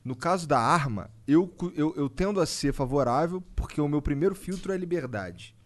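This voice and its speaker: A young man hosting a podcast in relaxed, slangy chat. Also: a little high, normal speed. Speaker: podcast host. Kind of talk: casual interview chat.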